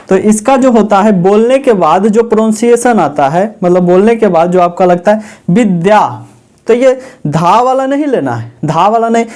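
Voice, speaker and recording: Teaching Hindi grammar in a high voice with a darkish tone, a man puts questions to his students and supplies the answers himself. He goes over the key words slowly and repeatedly.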